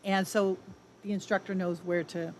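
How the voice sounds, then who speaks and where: A woman's voice: medium pitch, little pitch movement, moderate pace, darkish tone. A woman speaking as an interview guest, explaining things in an emphatic, conversational way. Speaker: ranch development director, radio guest. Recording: clear background noise.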